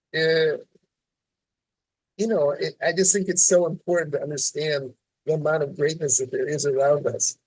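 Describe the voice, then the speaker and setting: Gravelly older man, reflective interview guest. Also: mid-range voice, a little mellow, low-quality recording. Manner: reflective, with many restarts and fillers. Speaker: guest columnist. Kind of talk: casual interview talk.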